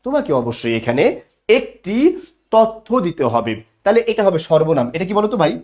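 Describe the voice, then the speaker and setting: A man's voice: high-pitched, big pitch swings, brisk, darkish tone. A young man teaching a live online grammar class, often asking students to repeat the answer back to him.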